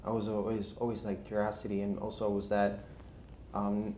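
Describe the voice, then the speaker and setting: A thirty-something interview guest from Albania, whose first language is Albanian and who invests in real estate, talks about his story in a casual manner. His fairly low, warm voice stays monotone at a normal speed, and the room echoes with faint noise in the background.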